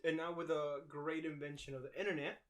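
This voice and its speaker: A man's voice: on the high side, flat delivery, a little fast. A young man from Mexico co-hosting a podcast in a laid-back, casual chat, swearing and laughing easily. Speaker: podcast co-host.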